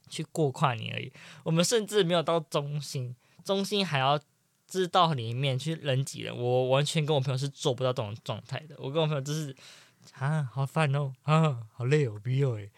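A man's voice: fairly high pitch, no room sound, studio quality. Chatty young man telling a story. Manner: animated, chatty, jumps between loud excitement and quiet mumbling. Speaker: podcast host. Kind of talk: casual storytelling monologue.

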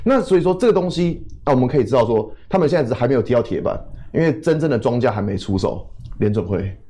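A man's voice: mid-range voice, animated, quick pace, warm tone. A man with a Taiwanese accent giving informal market commentary as a guest analyst, often asking questions and answering them himself.

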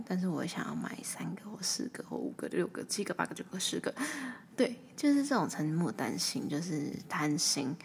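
A young woman with a Taiwanese Mandarin accent hosting her own podcast, talking casually and rambling, often trailing off into a breathy near-whisper. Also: low-pitched, slight background noise. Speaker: podcast host. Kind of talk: casual solo monologue.

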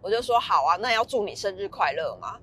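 A woman's voice: mid-range voice, lively intonation, fast, fairly bright tone, slightly rough, no room sound. A woman, casually telling a story in a vlog, laughing often and acting out the lines she quotes.

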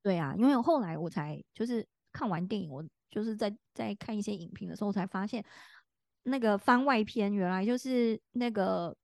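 A woman in her thirties co-hosts a podcast, rambling through casual chat with many restarts. Her mid-pitched voice carries a gravelly fry. The recording is dry and close. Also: normal speed, no room sound. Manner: rambling, full of fillers and restarts. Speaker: podcast co-host.

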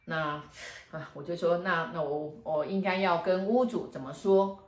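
A woman feng shui master, telling a story in a lively, chatty way with frequent laughs. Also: lowish voice, normal speed. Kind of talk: casual storytelling chat. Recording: roomy echo.

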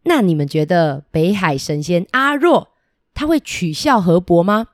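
A woman, telling a story to children in an animated way and asking them questions directly. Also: fairly low pitch, unhurried, dry recording, studio quality.

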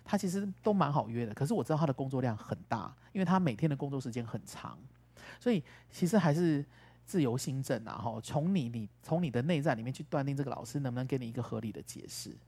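A man's voice: mid-range voice, animated, fast talker, warm tone, slightly rough. A man, a tarot and astrology teacher, explaining in casual podcast chat and acting out stories. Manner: chatty, tells stories with acted-out quotes.

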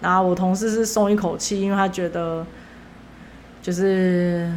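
A woman's voice: on the low side, little pitch movement, moderate pace, a little mellow, a little hiss or hum. A woman podcast host with a Taiwanese Mandarin accent, telling a story in a chatty, laughing way and acting out the dialogue. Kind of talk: casual storytelling.

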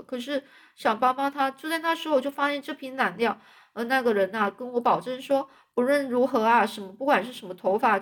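A woman voicing a dramatic, talkative young orphan girl who pleads and rushes her words in a storybook reading. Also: a little high, pitched above the performer's own voice, lightly acted. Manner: emotional, pleading, breathless rush of words.

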